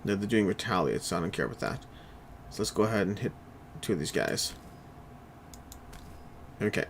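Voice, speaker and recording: A man's voice: sits low, sing-song, vocal fry, slight background noise. A man co-hosting a board game stream, thinking aloud as he plans his moves. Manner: quick, thinks aloud, mutters to himself. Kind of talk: casual chat while playing.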